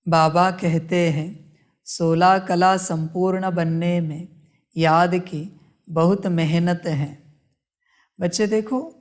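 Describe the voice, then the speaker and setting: Woman, devotional sermon, very slow, lowish voice, repetitive exhortation. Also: darkish tone. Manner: addresses listeners as children, repetitive exhortation. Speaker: spiritual teacher reading a murli.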